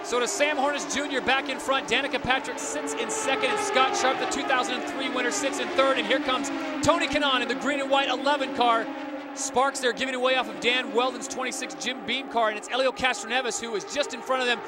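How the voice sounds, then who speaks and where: Guy calling a car race, motorsport commentator style, high voice, really loud engine noise behind him. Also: fairly even intonation, brisk, over a noisy crowd. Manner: announcer-like, calling positions and car numbers. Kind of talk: live play-by-play race commentary. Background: race cars and outdoor track noise.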